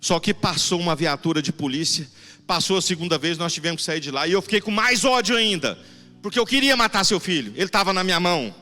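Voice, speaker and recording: A man voicing a menacing, furious ex-convict father, loud and threatening, in a reverberant church hall. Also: fairly high pitch, quick pace, soft background music.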